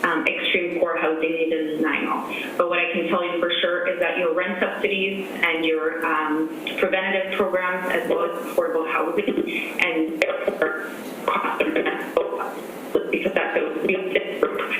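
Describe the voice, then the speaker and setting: A woman giving a measured presentation over a video call, with many "um"s and restarts. Her computer-mic audio sometimes breaks up. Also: lowish voice, little pitch movement, a bit bright, distant mic. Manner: measured, many "um"s and self-corrections. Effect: voice over a video call, breaking up at times. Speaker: presenter to a council task force. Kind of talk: remote slide presentation. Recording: very echoey call audio with faint noise.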